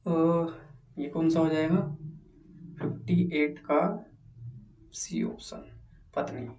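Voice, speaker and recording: A man's voice: on the high side, slow, a little mellow, recorded from a distance. A man teaching as he solves an exam paper, reading each question aloud and then asking and answering it himself. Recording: echoey room, mic set back.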